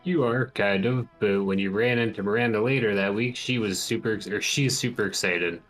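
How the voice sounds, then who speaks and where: A man's voice: lowish voice, moderate pace, a bit bright, soft background music, poor audio. A man casually reading out visual novel narration with offhand asides. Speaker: narrator reading game text.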